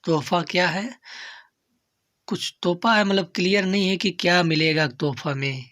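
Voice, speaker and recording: A man's voice: high-pitched, fairly bright tone, no room sound, studio quality. A man teaching a grammar lesson for exam coaching, who often repeats phrases and checks in with his students. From India. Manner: slow, deliberate delivery.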